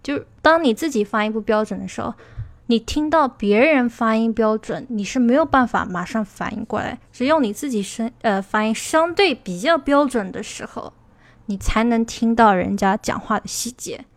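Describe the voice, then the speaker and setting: Higher-voiced woman teaching in a dry voice. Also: lively intonation, dry recording. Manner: explanatory, asks "对吧" to check understanding; slows down to model English pronunciation. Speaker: English teacher. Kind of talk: livestream lesson.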